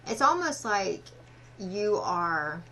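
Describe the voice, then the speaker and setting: A woman fortune teller giving a casual card reading, speaking haltingly and directly to the listener. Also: mid-range voice, sing-song, bright, forceful tone, a little hiss or hum. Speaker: fortune teller, tarot and oracle card reader.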